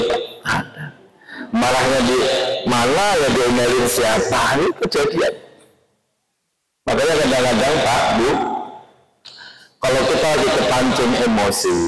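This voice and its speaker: A man gives a sermon in a mosque, speaking straight to the congregation and joking with them. He reads out Arabic terms slowly before explaining them. His voice rings in a roomy hall, with loud music playing underneath. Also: medium pitch. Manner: joking, addresses the congregation directly as Pak and Bu. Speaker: preacher leading a religious study class.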